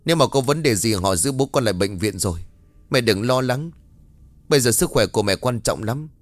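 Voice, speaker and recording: A man voicing a gentle daughter-in-law who soothes and reassures her family in a story. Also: mid-range voice, expressive, fairly quick, dry recording, pitched above the performer's own voice, natural voice. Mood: soothing. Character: gentle young woman, comforting daughter-in-law.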